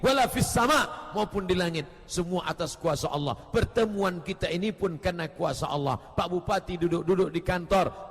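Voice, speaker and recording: A man preaching an open-air sermon, switching between shouted lines and soft asides, chanting Arabic phrases in a sing-song lilt. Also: high voice, long reverb tail. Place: large outdoor gathering in light rain.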